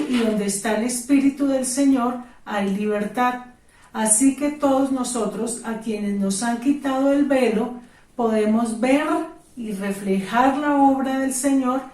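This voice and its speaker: A woman's voice: on the high side, warm tone, far from the mic. Woman preaching in a roomy hall. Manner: emphatic, repeats key words. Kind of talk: sermon with prayer. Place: church hall. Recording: roomy sound from off-mic with faint music.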